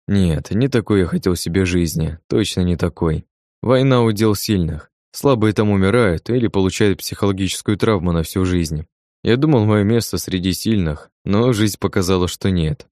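A man narrating a first-person audiobook in a calm, even manner. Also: low voice, moderate pace, no room sound, clean studio sound.

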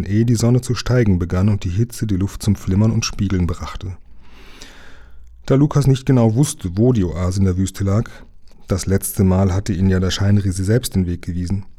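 A man reads a children's book aloud in a calm, measured way. His voice is low, very dark and somewhat husky. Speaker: reader.

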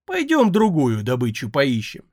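A man's voice: mid-range voice, wildly swooping pitch, measured pace, darkish tone, no room sound, full character voice. A man voicing a hardened male necromancer who speaks in a dry, sardonic, reasoning way, in an audiobook. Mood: wry.

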